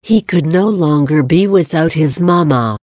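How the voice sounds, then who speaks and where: Brief: woman reading as a tender queen of heaven, low and slow, mellow and dry. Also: animated, no room sound. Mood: solemn. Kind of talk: devotional reading.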